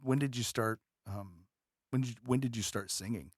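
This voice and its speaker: A man's voice: medium pitch, a little fast, dry recording, clean studio sound. A man hosting a casual podcast interview, laid-back, laughing along and asking questions. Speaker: podcast host.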